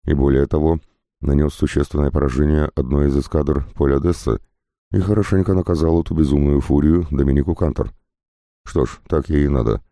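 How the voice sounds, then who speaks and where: Very deep-voiced male audiobook narrator. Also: steady tone, fairly quick, dark tone, no echo, clean studio sound. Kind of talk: scripted narration.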